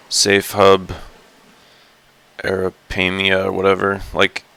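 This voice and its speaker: A man in a rough, gravelly morning voice, rambling chattily through a casual live stream with lots of fillers and restarts. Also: deep voice, expressive, extremely slow, bright, forceful tone. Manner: rambling, chatty, many fillers and self-corrections. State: groggy just-woken morning voice. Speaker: live streamer exploring a virtual world.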